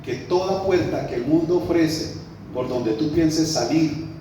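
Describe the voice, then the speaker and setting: A pastor with a Colombian accent preaches a sermon, his fairly high voice ringing through a very echoey church hall. He sits back from the mic, and a faint hiss runs under his easy storytelling. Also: unhurried. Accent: Colombian Spanish. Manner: storytelling preacher, conversational, addresses the congregation as brother. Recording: roomy echo, mic at a distance, faint background noise.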